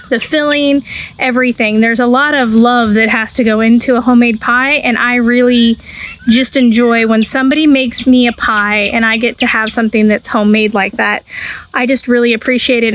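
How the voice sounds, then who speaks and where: Chatty woman, high voice. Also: steady tone, brisk. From Texas. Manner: warm-hearted, laughs easily, chatty. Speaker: homesteading channel co-host. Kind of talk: casual chat.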